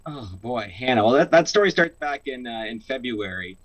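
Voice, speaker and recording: A man's voice: mid-range voice, expressive, brisk, low-quality recording. A young man from Canada, telling a personal story in a casual interview, earnest, with many fillers and restarts. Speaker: guest.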